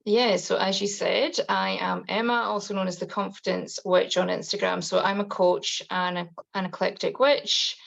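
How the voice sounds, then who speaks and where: A woman in her forties with a Highland Scottish accent, telling her own story casually as an interview guest. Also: creaky, highs cut off. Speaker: podcast guest, confidence coach.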